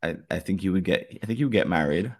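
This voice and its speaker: A man with a Jamaican accent hosts a podcast in a casual, reflective way. His voice sits fairly low and has a gravelly fry to it, and he often speaks directly to the people listening. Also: lively intonation, quick pace. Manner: earnest, reflective talk that addresses listeners directly. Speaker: podcast host.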